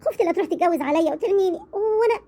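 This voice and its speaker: A woman's voice: very high-pitched, very fast, dark tone. A woman with an Egyptian accent playing a timid, anxious wife who pleads with her husband in a family web drama. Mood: pleading. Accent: Egyptian Arabic. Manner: pleading, nervous.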